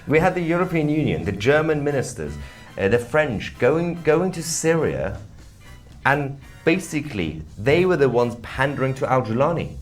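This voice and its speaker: A man co-hosting a podcast with casual political commentary, measured and hesitant with frequent pauses. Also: mid-range voice, sing-song, soft background music. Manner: measured, hesitant with many uhs. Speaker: podcast co-host.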